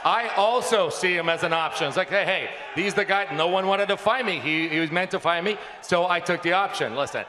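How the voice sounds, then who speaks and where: A man's voice: high voice, fairly quick, few pauses. A man working as an interpreter at a press conference, emphatic and repeating phrases. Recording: echoey hall with background noise.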